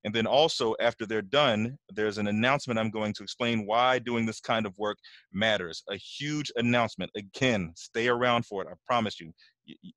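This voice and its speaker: A man's voice: lowish voice, normal speed, fairly bright tone, dry recording. A man hosting an online community meeting, talking in an earnest, encouraging way with many fillers. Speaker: meeting host.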